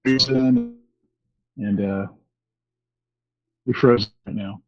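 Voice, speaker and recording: A man's voice: mid-range voice, sing-song, slow, dull audio, music in the background. A man co-hosting a podcast in casual chat, joking and teasing, heard over a glitchy internet call connection. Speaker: podcast co-host.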